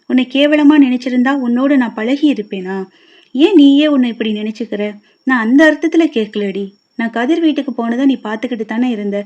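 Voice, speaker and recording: A woman voicing a short-tempered, scornful husband who shouts sharp insults. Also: a little high, lightly acted. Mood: soothing. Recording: dull lo-fi recording.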